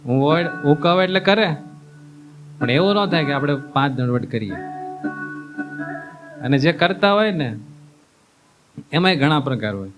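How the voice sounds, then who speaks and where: A man's voice: a little high, lively intonation, moderate pace, pauses often. A man giving a sermon as a monk, telling folksy stories, acting out characters and asking his listeners questions. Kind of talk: sermon with storytelling. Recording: music playing behind the voice.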